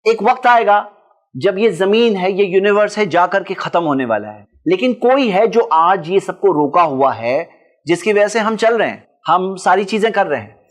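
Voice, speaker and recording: Man, high voice, religious talk, answering questions, explanatory. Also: animated, normal speed. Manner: explanatory, lists examples. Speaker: speaker answering audience questions.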